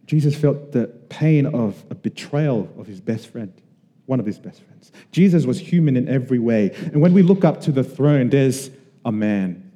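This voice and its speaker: A man from Australia preaches in an earnest, conversational way, slowing for emphatic pauses. His voice is very dark and mellow. The sound rings with the long reverb of a church hall. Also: mid-range voice, animated. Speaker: pastor. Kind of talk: sermon.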